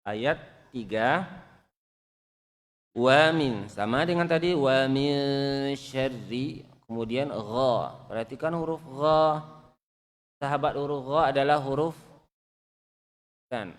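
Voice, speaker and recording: A man teaching Quran recitation, correcting pronunciation and drilling syllables slowly for his students to repeat. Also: mid-range voice. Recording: long hall reverb.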